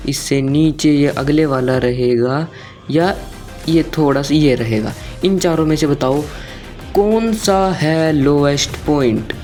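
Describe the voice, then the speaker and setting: A man's voice: medium pitch, darkish tone. A man teaching a trading lesson over a chart, talking casually, repeating himself and quizzing his viewers. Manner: conversational, asks viewers questions, repeats phrases. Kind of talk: screen-share chart lecture.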